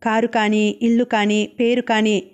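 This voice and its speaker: A woman's voice: on the high side, level tone, moderate pace, clear, resonant tone, close to an everyday voice. A woman voicing an ambitious, domineering young husband who talks in a demanding, brusque way.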